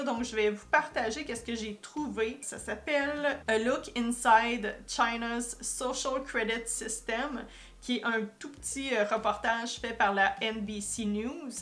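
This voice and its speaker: A woman from Quebec, Canada, with a Québécois French accent, hosts casual explanatory commentary as a YouTube host and marketing commentator. Her voice is on the high side and fairly bright, and she talks straight to viewers conversationally, correcting herself as she goes.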